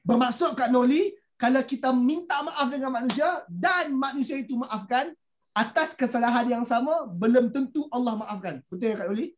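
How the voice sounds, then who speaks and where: A man with a Malaysian Malay accent teaching an online Quran study class over a video call, telling the story in a lively way and acting out the dialogue. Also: very high-pitched, normal speed, lo-fi sound. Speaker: religious teacher.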